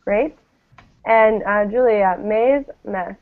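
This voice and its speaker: In a slow, mid-range voice, a woman leads a live online pronunciation lesson, drilling English word pairs and enunciating model words with care and encouragement. Her sound comes through thin and phone-like.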